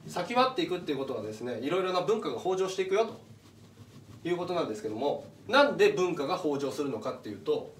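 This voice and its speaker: A man's voice: on the high side, big pitch swings, fast, slight background noise. A man giving a casual, step-by-step explanatory talk as channel host, pointing things out on a chart as he goes. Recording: echoey room, mic at a distance.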